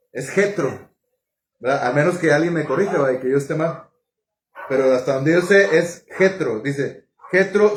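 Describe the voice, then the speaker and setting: Male preacher, sermon delivery, slightly high voice, halting, roomy echo. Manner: unhurried, halting, with fillers and self-corrections.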